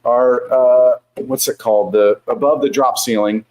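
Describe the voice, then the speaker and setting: A middle-aged man, co-hosting a casual livestream and bantering in a joking, relaxed way. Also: medium pitch, measured pace, rough recording. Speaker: co-host.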